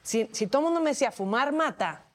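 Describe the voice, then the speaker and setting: A Mexican woman in her thirties on a talk show panel, telling personal stories in an animated way and acting out the voices she quotes. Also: high-pitched, fast talker. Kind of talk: casual chat.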